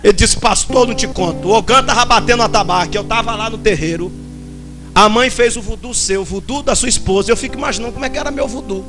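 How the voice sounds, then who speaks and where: Brief: very high-pitched male preacher, theatrical storyteller, guitar music underneath. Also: fast. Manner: animated, theatrical storytelling, shouting for response. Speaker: pastor. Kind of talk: sermon with storytelling.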